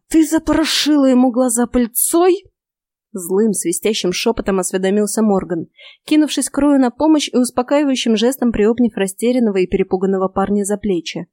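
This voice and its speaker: A woman narrating an audiobook in the first person, in an even storytelling manner, recorded close to a studio mic. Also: fairly high pitch, no room sound.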